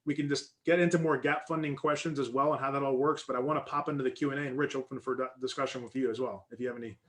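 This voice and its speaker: Fast-talking man explaining numbers. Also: medium pitch, fairly even intonation, fairly bright tone. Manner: quick, conversational, thinking aloud with restarts. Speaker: real estate investor presenting to a group. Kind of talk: informal teaching talk with worked numbers.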